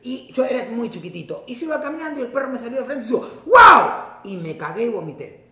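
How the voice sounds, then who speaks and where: A man's voice: very high-pitched, fast, echoey room, noisy background. A man, co-hosting a web show, who teases and jokes around in casual chat. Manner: teasing, animated, jokes around.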